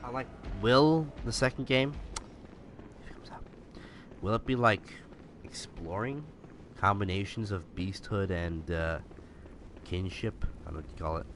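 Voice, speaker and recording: A man's voice: fairly low pitch, a little slow, pauses often, a little hiss or hum. A young man casually commenting while playing a video game, musing and trailing off mid-thought. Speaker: gameplay streamer. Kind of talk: casual let's-play commentary. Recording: loud game sounds behind the voice.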